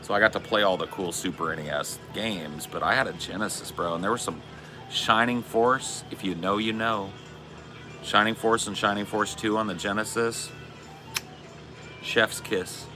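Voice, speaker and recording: Low-voiced laid-back man in his forties. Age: 40s. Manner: laid-back, slangy, swears a lot. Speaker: streamer reading chat. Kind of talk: casual live-stream chat.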